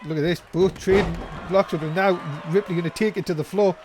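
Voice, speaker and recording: Male wrestling commentator, high voice, excitable play-by-play, exclamatory delivery, noisy crowd behind. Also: brisk. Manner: excitable, exclaiming at big moves.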